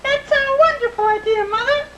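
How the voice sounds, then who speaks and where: Bratty whiny young stepsister, super high squawk, comic fairy tale, muffled audio. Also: female voice, moderate pace, background noise. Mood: eager. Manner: whiny, childish, quarrelsome.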